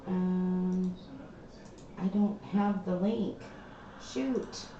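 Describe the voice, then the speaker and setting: A woman hosting a casual livestream from her craft room, chatting slowly and trailing off, her voice hollow and tinny like inside a tin can. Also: lowish voice, steady tone, mellow. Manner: slow, chatty, trailing off mid-sentence. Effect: hollow tinny sound, like inside a tin can. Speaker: livestream host. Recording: echoey, dull lo-fi stream audio with faint background noise.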